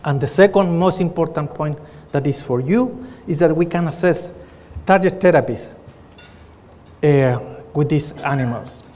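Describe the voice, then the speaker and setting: A man's voice: fairly high pitch, measured pace, a little mellow. Chilean-accented man lecturing in a hall. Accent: Chilean Spanish. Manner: earnest, with frequent fillers and restarts. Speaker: pathologist presenting research. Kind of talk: conference presentation. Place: conference hall. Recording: reverberant conference hall.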